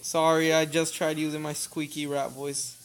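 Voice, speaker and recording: A man casually commentating his own gameplay, excitable and quick to swear as he reacts aloud. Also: fairly high pitch, faint music behind. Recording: noisy home recording.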